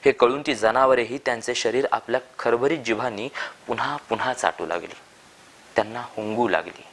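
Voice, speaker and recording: A man reads a short story aloud, steady and measured. His pitch sits in an ordinary middle range.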